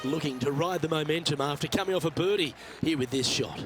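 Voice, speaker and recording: A man's voice: on the high side, fast talker, music in the background, natural voice. A man playing a golf broadcast lead commentator in a video game, reacting to shots in short phrases. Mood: engaged.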